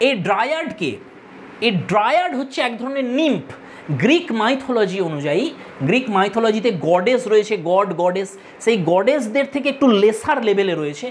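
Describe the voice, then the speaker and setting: Woman teacher going thru a poem line by line, kinda high voice, bit of background hiss. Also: lively intonation, brisk. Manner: explanatory, repeats key terms, addresses students directly. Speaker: English literature teacher. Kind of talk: line-by-line poem explanation lesson.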